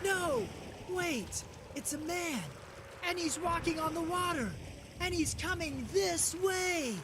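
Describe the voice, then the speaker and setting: An earnest, excitable puppet disciple acted out by a performer speaks in an extremely high voice. The lines are exclamatory puppet show dialogue, captured in a noisy live recording. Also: takes it slowly, full character voice.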